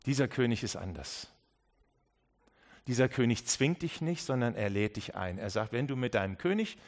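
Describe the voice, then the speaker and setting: A man preaching a Christmas sermon, speaking straight to the listener with many restarts and swings between quiet and emphatic passages. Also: medium pitch. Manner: earnest, direct address with many restarts.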